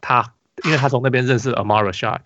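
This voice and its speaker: A man's voice: mid-range voice, fast, a bit bright, lo-fi sound, slight background noise. A man with a Taiwanese Mandarin accent, hosting a casual basketball podcast, telling a rambling story full of restarts and fillers. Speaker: podcast host.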